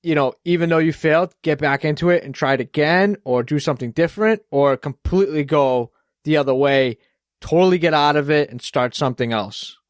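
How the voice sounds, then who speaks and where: A man's voice: on the high side, fairly quick, no echo, studio quality. A man with a Boston accent hosting a podcast, rambling in casual chat and swearing freely. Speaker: podcast host.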